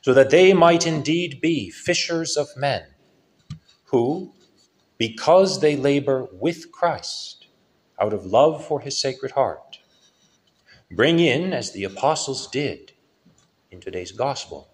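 A male priest giving a solemn sermon with a lively rise and fall in his preaching. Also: medium pitch. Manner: slow, solemn preaching with lively rises and falls.

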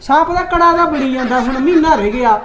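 Woman doing a show-off village husband, high voice, rambles and talks over his wife about his big money plans. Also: animated, brisk, a bit bright, a little hiss or hum. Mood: boastful. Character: boastful village husband hooked on a money scheme. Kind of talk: comic sketch acting.

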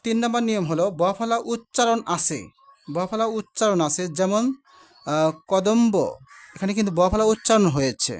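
A man teaching a grammar lesson to students. He states each rule twice and leans on every example word so it sticks. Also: sits high. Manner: repeats each rule slowly, stresses example words.

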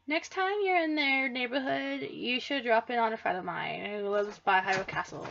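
A woman's voice: fairly high pitch, moderate pace, creaky, fairly bright tone, dull audio. A woman voicing a flirty female great fairy with a sultry, teasing game-character voice.

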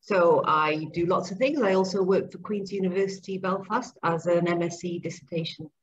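A woman's voice: fairly low pitch, normal speed. Chatty woman on a muffled video call. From grew up in Zambia and Papua New Guinea. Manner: chatty, earnest, explains at length. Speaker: guest, speech and language therapist. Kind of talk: casual video-call interview. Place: home kitchen, indoors. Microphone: laptop webcam mic on video call. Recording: dull lo-fi call audio, faint noise.

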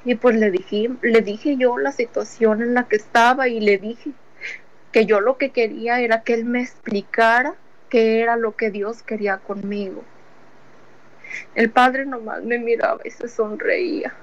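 A woman tells her personal faith testimony in a slightly high voice, full of feeling. She retells each conversation step by step, quoting what was said to her. The sound is somewhat dull and lo-fi. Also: steady tone, a little slow. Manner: retells events with many quoted conversations, repeating "he told me"; earnest and emotional. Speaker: testimony giver.

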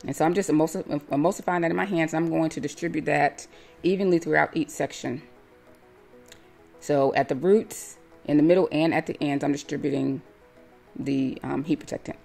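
A woman hair stylist calmly explaining each step of a hair tutorial in a voice-over. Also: deep voice, brisk, creaky, soft background music. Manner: calm, step-by-step instructive.

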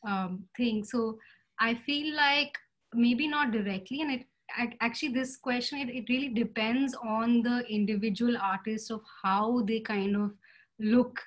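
A woman's voice: fairly high pitch, unhurried. Hesitant woman on a video call. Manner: hesitant, many fillers and restarts. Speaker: panelist artist. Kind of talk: casual video call discussion. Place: home room indoors. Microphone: laptop webcam video call.

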